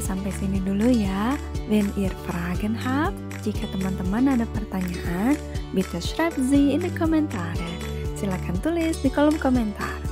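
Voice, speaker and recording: A woman teaching a language lesson, carefully enunciating and repeating example words as she addresses viewers as friends. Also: mid-range voice. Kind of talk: instructional lesson. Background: background music.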